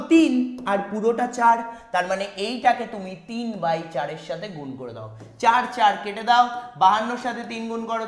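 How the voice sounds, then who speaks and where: A man with a West Bengal Bengali accent speaks in an extremely high pitch, his voice sounding roomy. He's teaching a live online math class, going over each step again, asking students "ঠিক আছে?" and reading their chat questions aloud.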